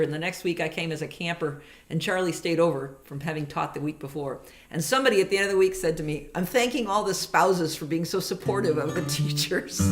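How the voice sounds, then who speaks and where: A woman hosting a casual online music show, chatting with viewers, reading their comments aloud and telling rambling stories between songs. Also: on the low side.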